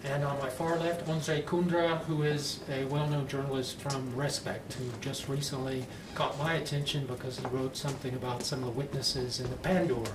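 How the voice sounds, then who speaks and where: Male moderator, standard American accent, measured panel introduction, distant echoey recording. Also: medium pitch, level tone. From United States. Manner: slow, clearly enunciated, deliberate delivery. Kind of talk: introducing a public panel discussion. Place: conference panel room, indoors. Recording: echoey, noisy room, distant mic.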